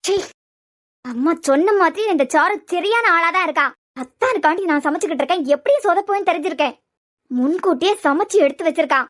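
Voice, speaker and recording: A woman's voice: very high voice, animated, fast talker, a bit bright. A woman voicing a jealous, scheming young woman in a cartoon series, muttering spitefully in a Kanyakumari Tamil accent. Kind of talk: cartoon web series voice acting.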